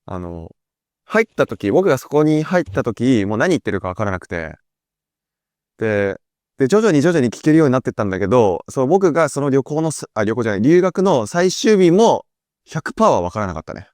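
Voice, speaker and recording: A man's voice: mid-range voice, sing-song, brisk, darkish tone, dry recording, studio quality. A man hosting a casual chat, telling rambling stories with restarts and laughter into a VR headset mic. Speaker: host.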